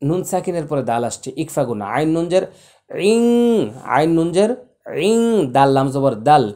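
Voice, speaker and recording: A man teaching Quran recitation, spelling out letters slowly and chanting verses with long drawn-out vowels. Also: fairly high pitch, expressive, darkish tone. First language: Bengali.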